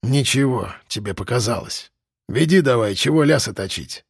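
A man voicing a sullen, spiteful male detainee who mutters low and sneers. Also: expressive, moderate pace, husky, no room sound, clean studio sound. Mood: sneering.

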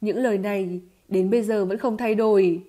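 A woman's voice: medium pitch, fairly even intonation, moderate pace, warm tone, close to an everyday voice. A woman reading the part of an earnest young male martial hero in a storybook novel, in a firm, raised voice.

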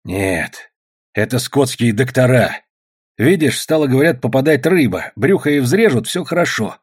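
A man voicing an older male gold prospector, furious and in tears, shouting and ranting in an audiobook. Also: medium pitch, lively intonation, moderate pace, breathy edge. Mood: explaining. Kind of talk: audiobook narration.

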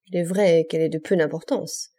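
An imperious old king barks orders, indignant and commanding, his voice low and husky, as a woman reads him in an audiobook. The tone stays mellow and dark beneath his anger. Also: steady tone, fairly quick.

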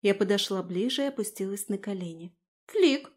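A woman reads a first-person fantasy novel aloud with expressive, storytelling delivery. Her voice sits a little higher than most women's, yet its tone is soft and mellow. The narration flows warmly, with gentle emphasis. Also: moderate pace. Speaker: audiobook narrator.

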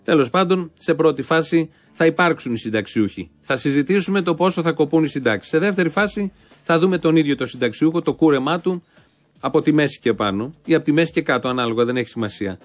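A man's voice: on the high side, expressive. A man hosting a satirical show, commenting on clips in a dry, mocking manner. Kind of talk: sarcastic commentary.

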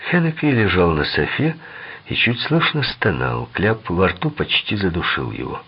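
A man narrating a crime novel audiobook in an expressive, dramatic reading. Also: sits low, normal speed, husky, dull audio.

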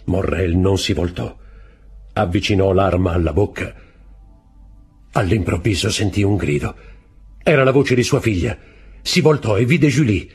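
A man reading a novel aloud as scripted narration, in a dramatic, expressive husky voice. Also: deep voice. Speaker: audiobook reader.

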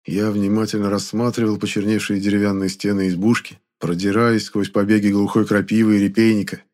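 A man narrating a first-person story with a steady, even reading. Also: on the low side, fairly quick. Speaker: audiobook narrator.

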